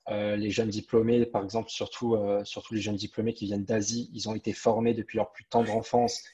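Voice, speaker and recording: Low flat husky man. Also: a little fast. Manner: emphatic advice with fillers. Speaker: alumnus guest. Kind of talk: video call panel discussion. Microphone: video call. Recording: dull lo-fi video call audio.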